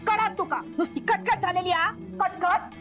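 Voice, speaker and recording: An actress playing a sharp-tongued village wife in a TV drama, scolding and arguing. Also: female voice, fairly even intonation, a little slow, over music. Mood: angry. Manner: shrill, scolding, argumentative. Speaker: quarrelling family woman. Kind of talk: TV drama acting.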